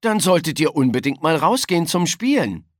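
A man voicing a kindly, cheerful mother of a schoolgirl in an audiobook story, speaking slowly in a friendly, amused tone. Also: a little high, very animated, no echo, studio quality, voice pushed up.

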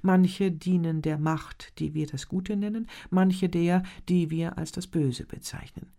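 A narrator voicing a grave male duke who teaches magic in slow, deliberate lecturing, in an audiobook reading. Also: mid-range voice, fairly even intonation, creaky, dark tone, voice pushed up.

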